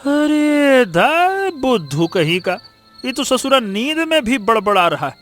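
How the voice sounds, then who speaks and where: A man's voice: very high voice, big pitch swings, slow, fairly bright tone, faint music behind, full character voice. A man voicing a greedy, boastful male villager in a cartoon story, who is cowardly underneath and stammers when caught out. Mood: mocking. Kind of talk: cartoon voice acting.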